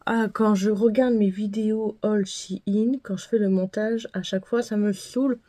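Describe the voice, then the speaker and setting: A woman talks through a makeup tutorial in a loose, chatty way, piling on fillers and repeating herself. Her voice is mellow and warm, sitting at an ordinary middle pitch. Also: steady tone, normal speed, no room sound. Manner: chatty, self-deprecating, many fillers and repeated words. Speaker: beauty vlogger. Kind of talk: casual makeup tutorial narration.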